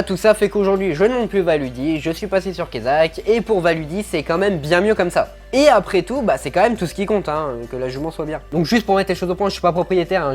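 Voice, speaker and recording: A man's voice: fairly high pitch, darkish tone. A man talking casually to his viewers in a vlog, upbeat and chatty, telling his story with lots of fillers. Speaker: show-jumping vlogger.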